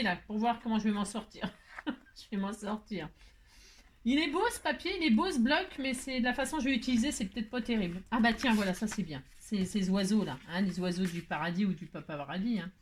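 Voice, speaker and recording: A woman's voice: fairly high pitch, a little hiss or hum. A woman hosting a casual card-making tutorial, chatting and joking as she works, with lots of "hein" asides and mock exasperation. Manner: theatrical self-mocking exasperation. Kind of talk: casual crafting tutorial chat.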